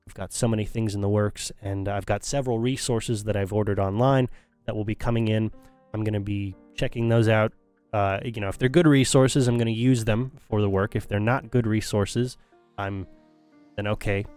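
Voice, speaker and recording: Wrapping up his stream, a man chats casually with viewers in a rambling way, full of fillers and restarts. His voice is on the low side and darkish, sounding strained as if still recovering.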